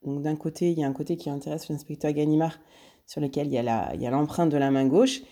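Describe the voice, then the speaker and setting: A woman teacher reads a novel aloud to a young class. She stops often to explain hard words and recap what happened. Her voice is fairly low, mellow and warm. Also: fairly even intonation, fast. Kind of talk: reading a novel aloud to children.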